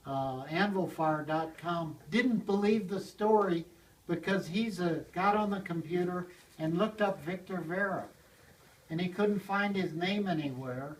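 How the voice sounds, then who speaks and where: An older man with a higher voice tells a long, rambling story to a small group, chuckling as he goes. He's a blacksmith, captured on a handheld video camera held far away, so the sound is distant and roomy.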